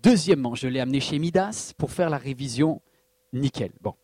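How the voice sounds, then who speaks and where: A man's voice: medium pitch, brisk, no room sound. A man preaching a sermon as pastor, mixing personal stories with rhetorical questions and sudden bursts of emphasis. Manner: animated preaching with personal anecdotes, rhetorical questions and acted quotes.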